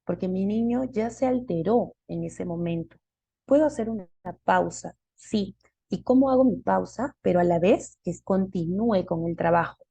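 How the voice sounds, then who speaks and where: Gravelly-voiced woman teaching a live class. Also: medium pitch, moderate pace, warm tone, no room sound. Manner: explanatory, asks and answers her own questions. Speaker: teacher giving an online class. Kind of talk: live online lecture.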